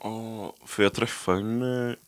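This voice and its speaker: A man's voice: lowish voice, steady tone, no echo. A young man chatting casually on a podcast, mumbling and answering in short words. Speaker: podcast co-host. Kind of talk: casual chat.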